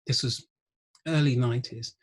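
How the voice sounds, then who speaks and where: A middle-aged man, a guest musician and researcher, telling wry anecdotes in an interview, often pausing with ums. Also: mid-range voice, steady tone, slightly rough. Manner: anecdotal, wry, laughs through stories, frequent ums. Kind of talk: conversational interview storytelling.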